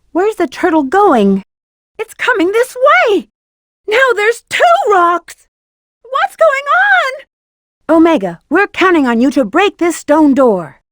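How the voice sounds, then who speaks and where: Rouge the Bat, very high-voiced sassy game heroine. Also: female voice, dry recording, studio quality, heavily acted. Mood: startled, then confident, sassy. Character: flirty, cool-headed female bat treasure hunter, adult. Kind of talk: video game voice acting, short in-game hints and callouts.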